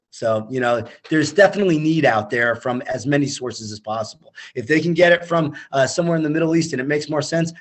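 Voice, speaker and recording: A man being interviewed as a startup founder, emphatic and motivational, talking in quick punchy lists over a video call. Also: a little high, husky. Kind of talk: conversational interview.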